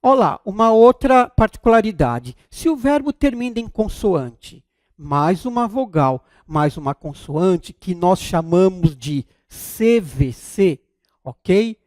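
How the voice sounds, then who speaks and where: A man's voice: high-pitched, sing-song, darkish tone, no echo, studio quality. A man with a Brazilian Portuguese accent teaching English grammar in a video lesson, explaining step by step and often checking in with the viewer. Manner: slow, deliberate explaining, checks in with "tá?" and "ok?".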